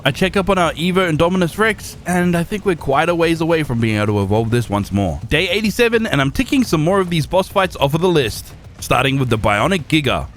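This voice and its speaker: A young man narrating a survival game recap as a YouTuber, excitable and chatty with quick outbursts of reaction. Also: a little high, slight background noise. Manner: lively and excitable, with sudden exclamations. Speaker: gaming YouTuber.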